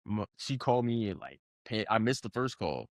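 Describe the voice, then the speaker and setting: Deep-voiced, earnest young man. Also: big pitch swings, moderate pace, no echo, clean studio sound. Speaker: podcast co-host. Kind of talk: casual chat.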